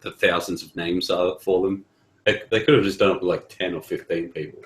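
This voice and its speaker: A man's voice: deep voice, steady tone, a little fast. A man in casual voice-call chat, hesitant and repeating words, his voice echoing in a room. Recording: roomy echo on call.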